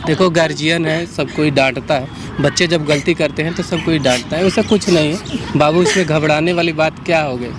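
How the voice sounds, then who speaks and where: A man playing a young man who soothes a crying woman, coaxing her over and over to calm down and speak. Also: fairly high pitch, normal speed, lightly acted. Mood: soothing. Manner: soothing, coaxing, repeats himself. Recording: traffic noise outdoors.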